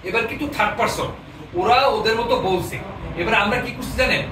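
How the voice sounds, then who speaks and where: A man's voice: high-pitched, brisk. A man teaching a language class, explaining patiently and often asking his students questions. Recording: echoey room, distant mic, noisy.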